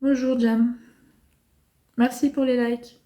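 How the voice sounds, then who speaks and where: A woman hosting a casual livestream, answering viewers' comments calmly and hesitating with many fillers. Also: a little high, slow pace. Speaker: livestream host.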